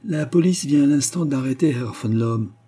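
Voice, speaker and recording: A woman's voice: extremely low pitch, moderate pace, dark tone, pitched above the performer's own voice. A male narrator voicing an eager, self-important pastor's wife who relishes spreading bad news, in a storybook reading. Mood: eager gossip. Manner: eager, self-satisfied gossip.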